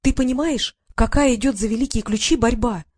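A woman's voice: on the high side, a little fast, darkish tone, dry recording, studio quality, pitched above the performer's own voice, natural voice. A woman voicing a tiny, haughty female fairy courtier who lectures and gets irritated easily. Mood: irritated lecturing. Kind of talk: audiobook character voice.

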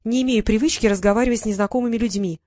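A woman's voice: a little high, fairly even intonation, racing, mellow, dry recording, studio quality, close to an everyday voice. A woman voicing a tiny, haughty female fairy courtier who lectures and gets irritated easily. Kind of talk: audiobook character voice.

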